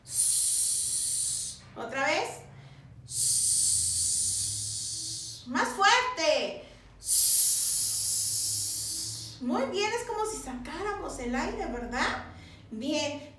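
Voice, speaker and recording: A woman teacher giving a patient, sing-song reading lesson to young children, repeating each word slowly. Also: sits high, a bit bright, recorded from a distance, a little hiss or hum. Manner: slow, patient, sing-song, drills words by repetition. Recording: roomy echo, voice from the mic.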